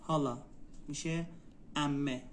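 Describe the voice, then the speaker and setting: Man tutoring vocabulary, slow repetition. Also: a little high, steady tone, slight background noise. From Iran. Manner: repeats words slowly, spells them out for a student. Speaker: Turkish language tutor. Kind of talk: one-on-one language lesson.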